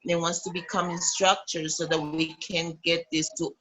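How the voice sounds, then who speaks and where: Costa rican lady on a video interview, bright tense voice, lots of ums and restarts. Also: lowish voice, flat delivery, a little hiss or hum, rough recording. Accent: Costa Rican Spanish. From Costa Rica. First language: Spanish. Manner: halting, many ums and restarts. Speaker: boxer, interview guest. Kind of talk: remote interview.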